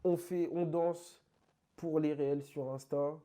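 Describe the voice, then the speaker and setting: A man being interviewed about dance, talking in an animated, emphatic, slangy way. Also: on the high side, slow. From France. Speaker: interview guest, krump dancer. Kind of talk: casual conversational interview.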